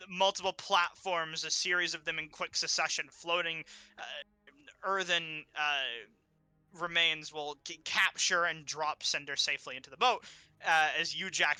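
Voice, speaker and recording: Bright-voiced male game master. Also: a little high, steady tone, clean tone, no echo. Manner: descriptive, halting narration with many fillers. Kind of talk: narrating a tabletop game.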